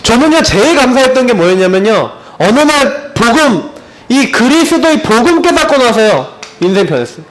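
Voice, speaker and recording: A man in his thirties preaching as a pastor in a church, animated and storytelling, with many rhetorical questions. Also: very high-pitched, moderate pace. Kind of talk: sermon. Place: church sanctuary.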